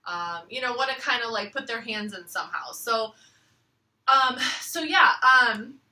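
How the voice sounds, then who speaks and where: A woman reading tarot in casual chat from her living room floor, rambling and relaxed with many fillers. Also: a little high, unhurried, recorded from a distance. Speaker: tarot reader. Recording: echoey room, from off the mic.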